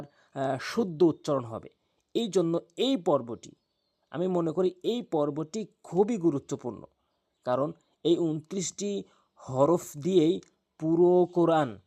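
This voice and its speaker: A man teaches Quran pronunciation step by step, repeating each letter slowly and patiently. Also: on the high side, mellow.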